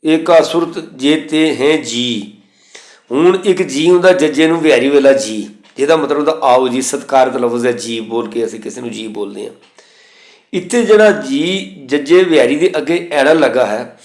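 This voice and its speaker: A man teaching the pronunciation of scripture, reciting verses slowly and spelling out letters and vowel signs methodically. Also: medium pitch, a little mellow, roomy sound. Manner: slow chanted recitation of verses between explanations. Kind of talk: recorded lesson on scripture pronunciation.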